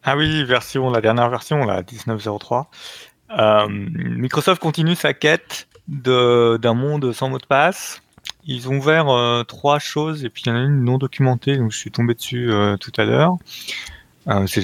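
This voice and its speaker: A man co-hosting a tech podcast, presenting news in a relaxed, halting way. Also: medium pitch, vocal fry, dry recording. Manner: relaxed, halting, many fillers. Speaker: podcast co-host. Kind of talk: casual tech news segment.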